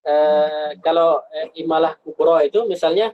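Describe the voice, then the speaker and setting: A man's voice: on the high side, steady tone, moderate pace, phone-quality sound, slight background noise. A man teaching a Quran recitation class online, explaining patiently, repeating points and asking rhetorical questions.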